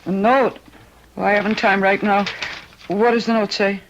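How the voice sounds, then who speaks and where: An actress playing an excitable, weary stage singer in an emotional, theatrical radio drama. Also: female voice, medium pitch, moderate pace, close to an everyday voice. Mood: flustered. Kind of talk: 1970s radio drama acting. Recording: dull old radio broadcast recording.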